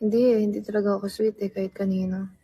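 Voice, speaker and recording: A young woman chatting casually on a livestream, playful and laughing, sometimes dropping into slow soft tones. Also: mid-range voice, little pitch movement, slightly rough.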